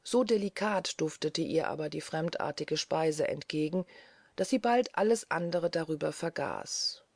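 A woman's voice: low-pitched, measured pace, creaky, darkish tone, dry recording. A woman reading a classic story aloud as audiobook narration. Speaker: audiobook reader.

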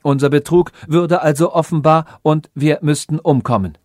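A man's voice: on the high side, moderate pace, a little mellow, no echo, studio quality, voice pushed up, close to an everyday voice. A man reading an audiobook voices an old wise robot advisor who speaks urgently. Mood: alarmed. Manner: urgent, pressing.

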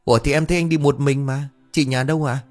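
A man's voice: mid-range voice, steady tone, fast, darkish tone, faint music behind, voice pushed up, close to an everyday voice. A man voicing a polite, puzzled young female nurse.

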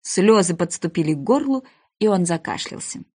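A woman narrating a children's storybook aloud in a gentle, expressive manner. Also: lowish voice, normal speed, slightly rough. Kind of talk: storybook reading.

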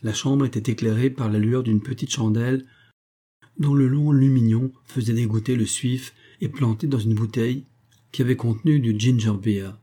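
A man reading a Victorian novel aloud as an audiobook narrator, in a measured, even storytelling manner. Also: medium pitch.

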